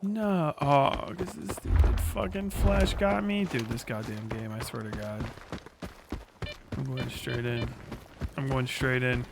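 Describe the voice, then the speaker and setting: A livestreamer reacts to a video while gaming, chatting casually in a rambling, profane, slangy way. His mid-range voice moves at a slow pace, and the stream audio is clearly noisy, with clicking throughout.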